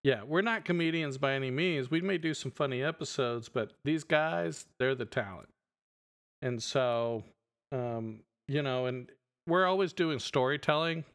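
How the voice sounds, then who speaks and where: A middle-aged man talking casually on a podcast, loose and rambling, full of ums and you-knows. His voice sits at an ordinary pitch for a man. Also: measured pace. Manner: relaxed, rambling, many fillers. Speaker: podcast co-host. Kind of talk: casual chat.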